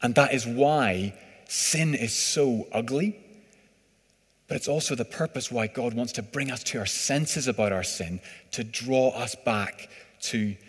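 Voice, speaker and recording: Preacher in a reverberant hall. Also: male voice, medium pitch, a little slow, slightly rough. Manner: conversational, hesitant with fillers and "sort of". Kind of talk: sermon.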